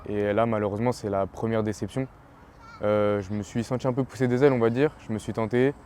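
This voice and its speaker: A man's voice: on the low side, fast talker, a little hiss or hum. A man of twenty from French Guiana, talking casually in an interview about his path in sport. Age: 20s. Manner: relaxed, talks plainly with fillers. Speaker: young athlete interviewee. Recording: interview with faint music underneath.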